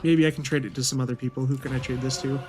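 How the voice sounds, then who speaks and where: A man's voice: mid-range voice, steady tone, very fast, faint music behind. A man thinks aloud in casual commentary as he plays a strategy game. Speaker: gaming video host.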